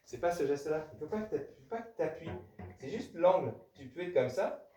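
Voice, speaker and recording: In a rehearsal hall with a cello playing, a man coaches a student through a master class, correcting often with "non" and singing the bow rhythms aloud. His voice is a little high and fairly quick, his manner animated. There is crowd noise, and the recording is roomy, distant and dull, dominated by loud cello.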